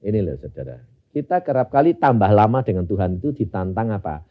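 Animated preacher man. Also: fast, narrow, tinny audio. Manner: animated, swinging between loud emphasis and low murmurs; asks the congregation rhetorical questions. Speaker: pastor. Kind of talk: storytelling sermon.

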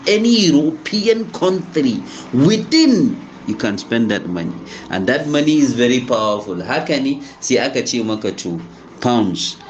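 A man's voice: fairly low pitch, lo-fi sound. Hausa-accented man, noisy recording. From Nigeria. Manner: emphatic, exhorting, rhetorical questions. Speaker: online crypto commentator. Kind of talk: informal spoken commentary, mixing languages. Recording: noisy amateur recording with background ambience.

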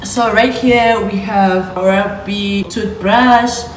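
A woman's voice: medium pitch, steady tone, extremely slow, roomy sound, a little hiss or hum, poor audio. A woman vlogger chatting casually to camera in her hostel room, self-mocking and swearing freely.

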